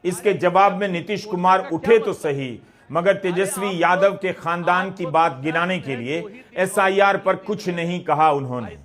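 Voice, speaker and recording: A man anchoring a news commentary, reading a scripted report in a measured, questioning way. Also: high voice, fairly bright tone.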